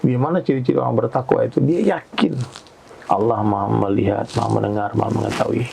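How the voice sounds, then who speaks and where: A man, a preacher, telling an animated story and giving religious teaching in a podcast conversation. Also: medium pitch, fast, creaky, a little hiss or hum. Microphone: podcast microphone.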